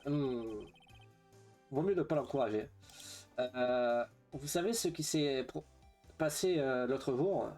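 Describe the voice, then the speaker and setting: A man's voice: medium pitch, measured pace, darkish tone, faint music behind. A man playing a video game, reading its dialogue aloud with hesitant asides and frequent fillers. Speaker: let's play streamer.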